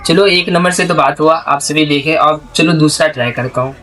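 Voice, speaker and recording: A man's voice: fairly high pitch, normal speed, a bit bright. Hesitant man vlogging, faint music behind. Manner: hesitant, repetitive, rambling. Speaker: prank call video maker and host. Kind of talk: casual phone chat and vlog talk.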